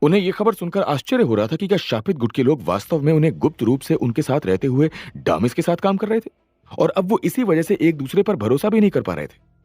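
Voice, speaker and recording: A man's voice: a little high, big pitch swings, fast talker, a little mellow, no echo, studio quality. A man narrating an audio story with dramatic storytelling.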